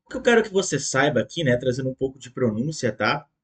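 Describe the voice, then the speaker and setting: A man teaching a German lesson online, slowly and patiently repeating words for the learner and checking in often. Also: medium pitch, very animated, a bit bright. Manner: ends phrases with checking tags.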